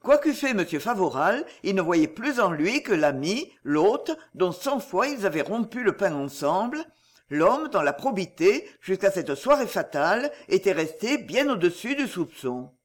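A male narrator reads a classic novel in a dramatic, expressive way. His voice sits high and moves widely in pitch. The delivery is steady and theatrical. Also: unhurried.

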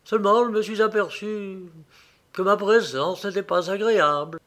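A man's voice: high-pitched, steady tone, moderate pace, fairly bright tone, pitched above the performer's own voice. A man playing a bitter, heartbroken young village man who speaks with plaintive anguish in a read-aloud story.

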